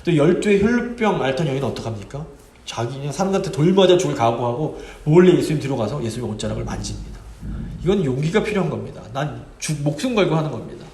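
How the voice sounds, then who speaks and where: A man preaching a Sunday sermon as pastor, earnest and slowing down when he quotes scripture. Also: a little high, expressive, a little mellow. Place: church sanctuary. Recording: echoey church sanctuary.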